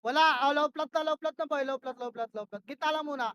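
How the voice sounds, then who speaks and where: A woman with a very high, piercing voice runs her team's plays in a tactical shooter. She snaps out short commands again and again and curses when the team lags. Her headset sound is dry and close. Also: brisk, no echo. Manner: barks short repeated commands, swears when frustrated. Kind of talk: rapid in-game voice comms.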